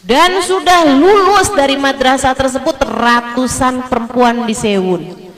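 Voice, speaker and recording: A woman preacher giving an Islamic sermon in a casual, animated way, acting out quoted voices and laughing as she goes. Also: high-pitched, measured pace, big-room sound.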